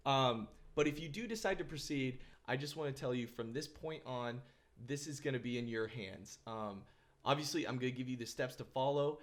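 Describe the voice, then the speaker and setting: A man's voice: mid-range voice, moderate pace. Chatty man narrating a tech tutorial. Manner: chatty and rambling, frequent ums and uhs; reassuring, careful about disclaimers. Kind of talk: casual screen-recorded tutorial narration.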